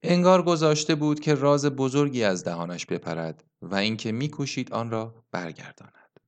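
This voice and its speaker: A male audiobook narrator reading in a measured, subdued voice. His sentences fall away softly at their ends, and he keeps an even, unhurried storytelling manner. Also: medium pitch. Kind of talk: scripted narration.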